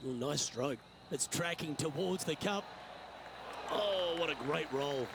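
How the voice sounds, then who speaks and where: A man playing a composed lead golf commentator, calling each shot in a measured broadcast style for a video game. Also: on the high side, gravelly, noisy background. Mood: composed, engaged. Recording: crowd and outdoor ambience behind.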